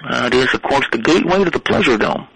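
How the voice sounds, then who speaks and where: A man doing a comic impression of an airline pilot making a calm cabin announcement in a laid-back drawl. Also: medium pitch, quick pace, vocal fry, a crowd in the background, pitched below the performer's own voice, poor audio. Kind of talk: comic impression on a talk show.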